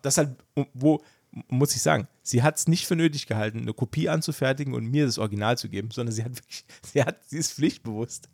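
A man's voice: mid-range voice, a little mellow, no echo, studio quality. A young man co-hosting a casual podcast chat, telling a story with lots of energy and acting out the dialogue. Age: young adult. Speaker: podcast co-host.

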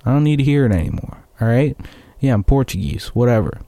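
A man's voice: medium pitch, animated, fairly quick, dark tone, no echo. A young American man, a musician, rambling through a profane, sarcastic casual monologue. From United States.

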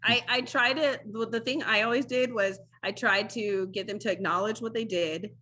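A woman in her thirties tells her story in a casual interview, acting out the people in it with lively quoted voices. Her tone is bright and a little husky, and she peppers her talk with "like.". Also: fairly high pitch, normal speed. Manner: animated storyteller, acts out quotes, many "like"s. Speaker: interview guest, former defense attorney.

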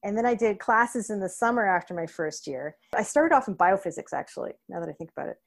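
A woman's voice: mid-range voice, lively intonation, fast talker, vocal fry. A woman in her thirties from Canada, an associate professor talking steadily and thoughtfully as a podcast guest. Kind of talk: conversational interview.

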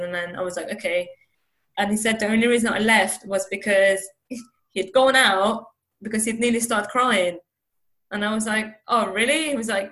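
A woman's voice: mid-range voice, a bit bright. A woman being interviewed, telling a personal story in a rambling, casual way and acting out what people said. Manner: rambling, acts out quotes with "I was like". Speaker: interview guest.

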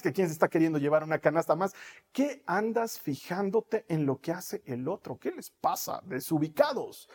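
High-pitched male preacher, lively sermon storyteller who laughs often.

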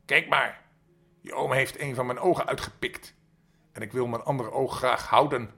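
A man's voice: mid-range voice, fairly even intonation, moderate pace, creaky, husky, full character voice. Old man putting on hissing forest snakes. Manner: hissing, hushed. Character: sly hissing forest snakes, wary and scared.

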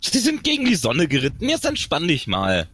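An excitable, jovial forest-dwelling man, voiced by a player who bursts out with eager questions. His voice sits high and swings widely. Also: moderate pace, breathy edge, heavily acted. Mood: placating.

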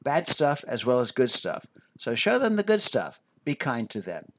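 A man hosting a scripted parenting talk, measured and expressive, sometimes dropping to a whisper for emphasis. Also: medium pitch, slight background noise. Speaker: host, family counselor.

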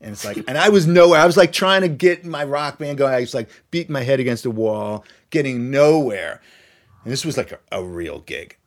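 A middle-aged man, a violinist, telling a story in casual chat, animated and laughing often. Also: medium pitch, brisk. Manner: animated, laughs often, mimics voices in quotes.

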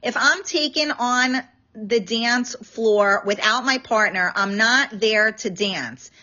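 Frank, animated New woman host. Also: on the high side, slow pace, muffled recording. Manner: frank, animated storyteller, swears freely. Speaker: talk show host. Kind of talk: casual live-stream chat.

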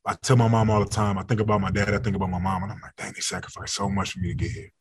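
A man's voice: fairly low pitch, fairly even intonation, racing. A man in his thirties, a football player as guest, talking candidly in a casual interview, laughing often and restarting his words.

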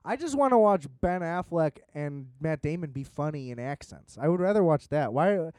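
A man chatting casually with friends, animated and swearing, laughing often. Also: fairly high pitch, moderate pace, no room sound. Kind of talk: casual chat.

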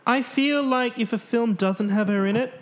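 Man, high voice, podcast guest, playful giggly chat, small home studio. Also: normal speed. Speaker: guest artist. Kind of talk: casual chat.

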